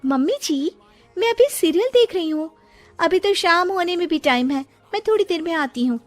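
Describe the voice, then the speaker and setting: A woman voicing a cheeky, defiant young daughter-in-law who talks back in a high, mocking voice. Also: animated, moderate pace, no echo, soft background music. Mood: sassy. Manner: sassy, mocking, high-pitched.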